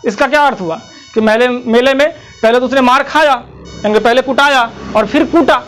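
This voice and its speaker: A man with a very high voice teaches a grammar lesson. He asks the class questions, answers them himself and says his examples slowly more than once. Soft music plays faintly behind him. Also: poor audio.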